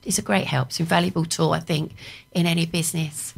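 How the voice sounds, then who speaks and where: Middle-aged female guest, lowish hoarse voice, creaky starts, informal radio chat. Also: steady tone, fast talker. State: hoarse morning-after voice. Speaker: guest, property business owner. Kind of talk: casual radio interview chat.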